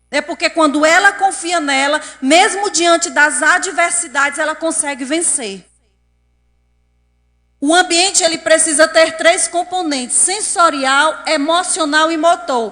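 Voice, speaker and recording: Speaking at a public event, a woman with a high-pitched, sharp voice lectures an audience in a council chamber and frequently asks them questions. Long hall reverb fills the recording.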